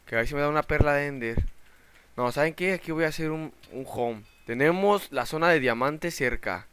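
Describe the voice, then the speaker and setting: Young male gamer, excitable let's play commentary, smooth voice, dry close sound. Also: on the high side, normal speed, no room sound. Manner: excitable, shouts in panic at sudden dangers. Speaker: gaming channel host.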